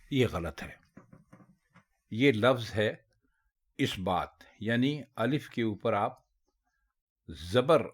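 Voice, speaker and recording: A man with a lowish voice teaches Urdu pronunciation one word at a time. He speaks very slowly and deliberately, stressing each correct form. The tone stays patient and instructive throughout. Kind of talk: spoken word lesson.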